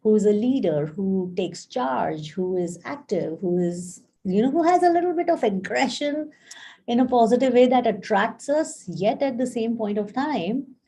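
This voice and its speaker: A woman life coach speaks casually on a live stream in a warm, mellow voice. She tells stories chattily and acts out the voices in her anecdotes. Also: a little high, expressive, moderate pace. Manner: chatty storyteller, acts out quoted dialogue; frequent fillers and restarts, friendly address to viewers.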